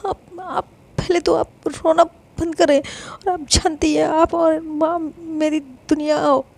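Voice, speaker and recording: A woman's voice: high voice, flat delivery, slow, gravelly, exaggerated voice. A woman voicing an anxious, devoted younger sister who pleads urgently and stumbles over repeated words. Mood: soothing. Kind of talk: dramatized story reading.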